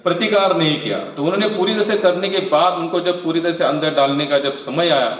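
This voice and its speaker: A man's voice: on the high side, brisk. A man giving a devotional sermon, asking the congregation questions and letting them finish his phrases. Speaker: preacher. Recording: roomy, distant, dull with faint hum.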